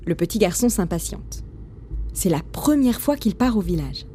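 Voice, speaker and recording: A woman narrating a children's storybook with an expressive, lively reading. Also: medium pitch, moderate pace, a little hiss or hum.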